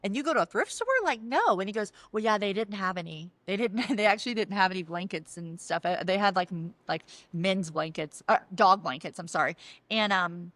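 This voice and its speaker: A woman's voice: mid-range voice, fairly quick, no echo. A woman sharing her personal story in a casual podcast chat, acting out the voices of the people in it. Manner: animated, acts out dialogue with quoted voices. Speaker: guest sharing testimony.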